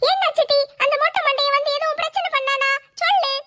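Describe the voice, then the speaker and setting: Cartoon big sister, squeaky extreme high voice, bright sharp tone, brash and scolding. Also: female voice, quick pace. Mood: bossy. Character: bold bossy older sister, protective woman.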